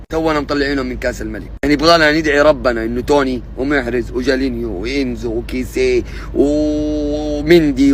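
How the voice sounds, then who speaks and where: A man's voice: medium pitch, slight background noise. A man complains about the draw like an exasperated football fan.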